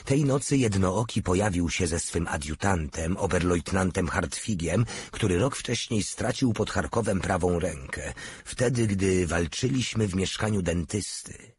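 A man reads an audiobook in a steady, measured way. His voice is very low. It carries a heavy husky grain. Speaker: audiobook narrator. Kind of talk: audiobook narration.

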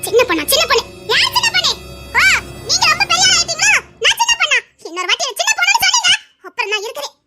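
A woman with a Tirunelveli Tamil accent voicing a touchy, proud teenage girl who answers with sharp, sarcastic retorts. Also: very high-pitched, rapid-fire, faint music behind. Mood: indignant.

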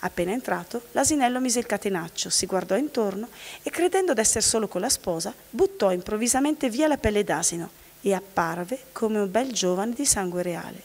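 A woman from the audience reading a fairy tale aloud in a steady storytelling manner. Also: medium pitch, fairly quick. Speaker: volunteer reader from the audience. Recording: long hall reverb.

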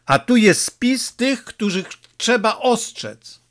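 A man's voice: very high-pitched, very animated, takes it slowly, fairly bright tone, voice pushed up, full character voice. A man voicing an anxious male villager who speaks urgently.

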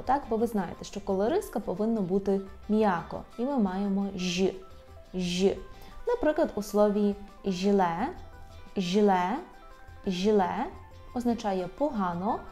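A young woman with a mellow, warm voice leads a video language lesson, patient and methodical. She says every example word slowly and more than once, and soft music plays faintly behind her. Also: mid-range voice. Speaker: Polish language teacher.

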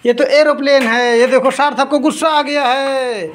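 A woman running a toy-finding game for two children. She keeps up lively play-by-play commentary and rapidly repeats item names to hurry them along. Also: high voice. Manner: scolds and laughs between rounds.

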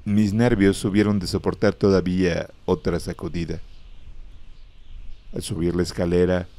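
A man narrating a horror story in a grave, measured way, close to the microphone. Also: low voice, level tone, dark tone, dry recording.

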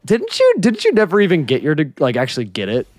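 A man's voice: a little high, wildly swooping pitch, quick pace, darkish tone, no room sound, faint music behind. A nineteen-year-old man co-hosting a gaming playthrough, easygoing and laughing often as he chats. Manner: easygoing, laughs often, says "bro" and "dude". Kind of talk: casual chat over gameplay.

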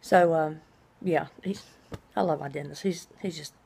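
Low-voiced woman with drawn-out, hissing s sounds. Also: fairly even intonation, vocal fry, warm tone, slightly rough. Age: middle-aged. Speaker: vlogger. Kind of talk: casual personal video diary. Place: small indoor room at home.

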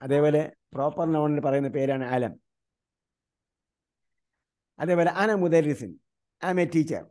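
Man from India teaching grammar online, mellow voice, keeps quizzing students and spells terms out slowly. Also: fairly high pitch. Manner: quizzes students with repeated questions.

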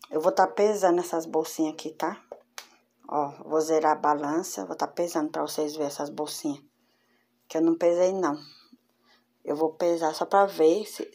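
Woman, low voice, chatty, casual show-and-tell, home vlog. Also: a little mellow, breathy edge. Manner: chatty, addresses viewers as girls. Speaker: crochet vlogger. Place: home room with door closed.

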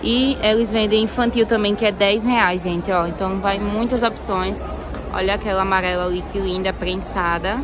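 Crowd noise surrounds a woman with a medium-pitched voice and fairly even intonation who speaks at normal speed. She's a shopping vlogger filming a casual tour of a busy indoor clothing market on her phone, talking through a face mask, pointing things out and chattily repeating "ó" and "olha só."

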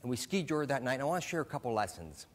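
A man's voice: mid-range voice, very animated, very fast. A middle-aged man from Alaska giving a short humorous stage talk, telling a story with self-deprecating comic timing. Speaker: speaker.

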